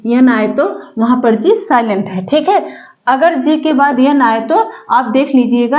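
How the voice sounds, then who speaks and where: A woman's voice: a little high, lo-fi sound. A woman teaching English grammar as a lesson, patiently repeating words and spelling them out letter by letter. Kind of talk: classroom lesson explanation.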